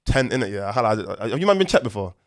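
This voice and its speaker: A man's voice: on the low side, very animated. A young man telling a story in casual chat, full of slang and tag questions. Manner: rapid slangy storytelling, frequent "innit".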